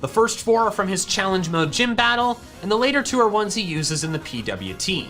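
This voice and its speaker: A woman's voice: mid-range voice, big pitch swings, brisk, a bit bright. A woman reading a scripted explainer narration for a video, with music behind her. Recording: music in the background.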